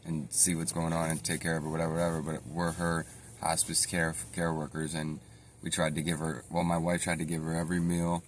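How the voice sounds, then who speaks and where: Deep-voiced man, rambling storytime. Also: completely flat delivery, a little hiss or hum. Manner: rambling, halting, with frequent fillers and self-corrections. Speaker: storyteller recounting his own life. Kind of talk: casual spoken storytime.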